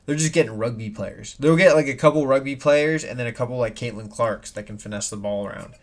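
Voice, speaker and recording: A man's voice: mid-range voice, brisk. A man hosting a solo podcast, rambling and swearing with many restarts, in a slightly nasal voice, with an air filter and ceiling fan humming in the background. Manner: rambling, profane, full of restarts and asides. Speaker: podcast host. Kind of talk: casual solo podcast rant. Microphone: desk mic, no headphones.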